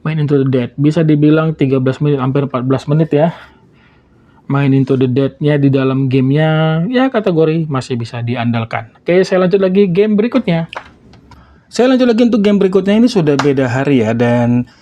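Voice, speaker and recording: A man with a fairly high-pitched voice talks through a gaming test in an informal way. He comments casually as he plays and reviews, often adding little tag words to his statements. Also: lively intonation, fairly quick, dark tone, highs cut off.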